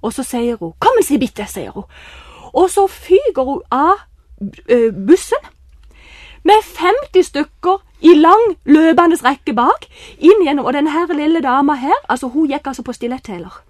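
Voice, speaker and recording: A woman telling a lively personal story, excited bursts mixed with quieter asides. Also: high voice, dry recording, studio quality. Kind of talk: animated personal anecdote.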